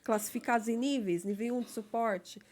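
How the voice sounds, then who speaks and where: A woman with a fairly high voice speaks as an interview guest. She explains in a measured way, with small fillers and frequent check-ins with the listener. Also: darkish tone. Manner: explains carefully, often adding a checking "né?". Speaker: guest, legal assistant. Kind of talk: personal conversational interview.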